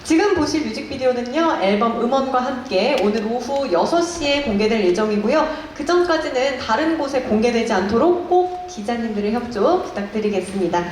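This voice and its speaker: A woman's voice: a little high, animated, brisk, few pauses, darkish tone. A woman hosting a press event in a polished, polite and formal presenter's manner, speaking articulately. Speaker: showcase host. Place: indoor press showcase venue. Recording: very echoey hall, faint noise.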